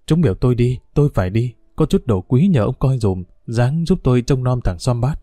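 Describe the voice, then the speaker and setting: A man's voice: medium pitch, animated, fairly quick, dark tone, no room sound, clean studio sound, close to an everyday voice. A man voicing a frightened old woman who pleads for help. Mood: pleading.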